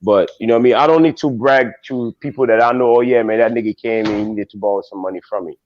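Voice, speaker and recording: A man's voice: medium pitch, quick pace, darkish tone. A man from Haiti hosting a casual streamed chat, telling blunt, profane stories full of fillers. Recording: dull lo-fi stream audio.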